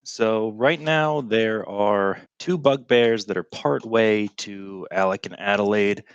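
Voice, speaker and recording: Low-voiced man planning his turn carefully. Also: slow pace, clear, resonant tone, no echo, muffled recording. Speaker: guest player. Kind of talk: tabletop game play.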